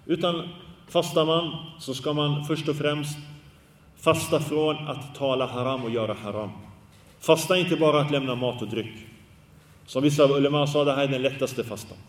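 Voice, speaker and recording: A man's voice: on the high side, steady tone, far from the mic. A man giving an earnest Islamic sermon, exhorting his listeners with rhetorical questions and mixing Arabic religious phrases into his talk. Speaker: preacher. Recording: echoey hall reverb.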